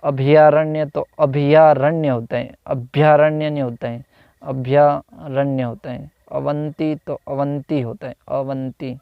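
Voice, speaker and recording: A man teaching a grammar lesson at an unhurried pace, going through one word after another with a steady drilling repetition. His voice has a gravelly edge but stays smooth and resonant. The recording is dry and a little dull, like a cheap microphone. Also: fairly high pitch, dry recording. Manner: slow, repeats each corrected word with "तो ... होता है"; hesitant, with fillers and self-corrections. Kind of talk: reading out a Hindi grammar lesson.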